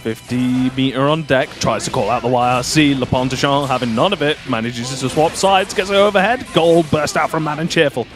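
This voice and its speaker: A man doing live esports commentary on a fighting game, joking and jumping up in excitement on big plays. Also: medium pitch, a little fast, few pauses, faint music behind.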